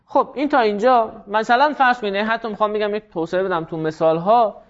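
High-voiced man lecturing a class. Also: lo-fi sound. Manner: explains rules step by step, asks and answers his own questions. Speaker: teacher.

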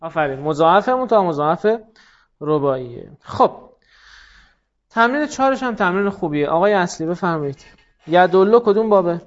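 A man with a fairly high voice teaches a classroom lesson, firing questions at students, praising correct answers and running quickly through the rules. The recording is dull and lo-fi. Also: lively intonation. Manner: quizzing students, brisk explanations, frequent praise.

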